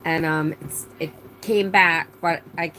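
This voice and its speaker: A deep, sharp-toned, steady female voice speaks slowly. This middle-aged livestream host casually reads out viewer comments, chatty and rambling with lots of fillers and restarts, her voice a touch strained from laryngitis. The low-quality recording carries some hiss or hum.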